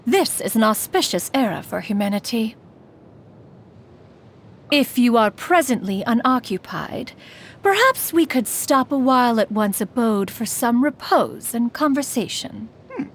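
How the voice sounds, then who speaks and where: A woman's voice: a little high, husky, full character voice. A woman voicing a haughty, eccentric female immortal crane spirit and inventor in a video game, speaking formally and calling herself "one". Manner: formal, archaic speech, calls herself "one"; haughty yet teasing. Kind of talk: video game character voice lines.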